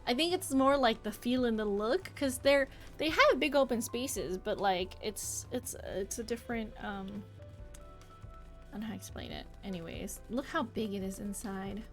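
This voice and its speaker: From an indoor home office, a live game streamer with a high voice chats casually with her viewers at a normal speed, rambling expressively and addressing them directly. Faint music plays in the background.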